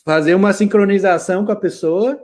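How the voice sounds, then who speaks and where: A Brazilian man in his thirties, a guest telling stories in a relaxed, slangy, animated way over a video call. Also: high-pitched, a little fast. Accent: Brazilian Portuguese. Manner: lively storyteller, slangy, laughs often. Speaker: guest, IT specialist. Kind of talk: casual interview chat.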